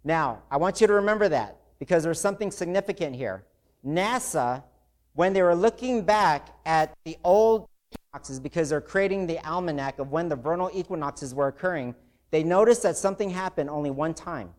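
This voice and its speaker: A man's voice: on the high side, lively intonation, brisk. A man preaching a sermon to a congregation, talking casually and growing emotional and intense.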